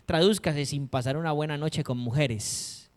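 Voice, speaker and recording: A man's voice: fairly high pitch, measured pace. A man preaching a sermon in a dramatic, emphatic way, asking his congregation rhetorical questions. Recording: long reverb of a hall.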